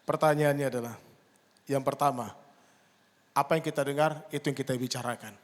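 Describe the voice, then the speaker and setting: A middle-aged man preaching a sermon, telling stories and acting out the dialogue with lively energy. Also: medium pitch, fairly quick. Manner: animated storytelling, acting out dialogue. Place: church hall. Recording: long hall reverb.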